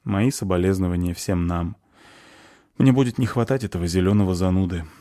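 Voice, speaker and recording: A man's voice: sits low, a little fast, warm tone, no echo, close to an everyday voice. A man voicing a stout dwarf woman who speaks bluntly and grimly in an audiobook. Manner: blunt, dry, grim.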